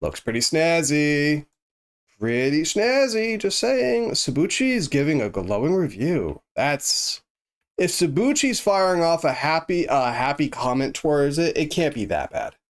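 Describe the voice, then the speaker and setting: His voice leans high, with a sing-song quality and a somewhat slow pace, and it sounds congested and a bit sniffly. He's live-streaming gameplay, chatting easygoingly and rambling with viewers, thinking aloud and restarting many times.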